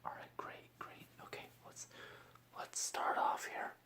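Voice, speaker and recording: Man, ASMR exam roleplay, soft whispers, unhurried, reassuring. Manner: soft-spoken, gentle, drifting into whispers; slow, reassuring praise. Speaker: mock examiner in a roleplay.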